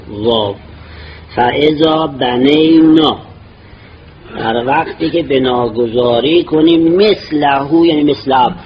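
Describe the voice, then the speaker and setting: Man lecturing on grammar, lo-fi recording. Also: medium pitch. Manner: reads Arabic phrases slowly then explains at length. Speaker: teacher of Arabic grammar. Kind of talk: lecture explaining Arabic grammar. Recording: dull lo-fi recording with clear background noise.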